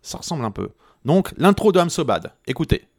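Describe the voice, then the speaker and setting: A radio host with a high-leaning, gravelly, somewhat dark voice talks a little fast with big pitch swings. Hosting a music show, he chats casually and jokingly about a band's songs, full of hesitations and asides.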